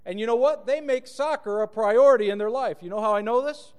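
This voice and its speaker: A man from Argentina preaching a sermon as a pastor, earnest and emphatic, slowing down to read scripture aloud. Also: extremely high pitch, a little mellow, clear, resonant tone, big-room sound.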